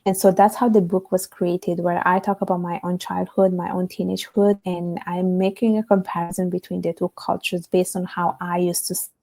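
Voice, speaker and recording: A young woman from Italy, speaking as a podcast guest, tells her story thoughtfully with many small pauses. Her voice is warm and mellow and sits lowish with little rise and fall. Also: level tone, gravelly. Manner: reflective, storytelling with fillers. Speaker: guest, author. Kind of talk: conversational interview.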